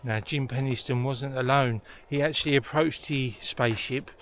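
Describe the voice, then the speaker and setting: A man's voice: medium pitch, steady tone, normal speed. A man hosting a vlog and explaining things as he goes, recorded outdoors in a forest. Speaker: host. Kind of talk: explanatory vlog narration on location. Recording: noisy outdoor location sound.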